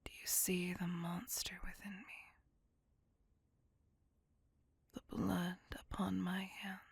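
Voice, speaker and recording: Whispering breathily at an unhurried pace, a woman voices a centuries-old female vampire, tormented and possessive, for an intimate ASMR roleplay. Her fairly low, level-toned voice is exaggerated, and she speaks with archaic formality that is both tender and menacing. The recording is free of room sound.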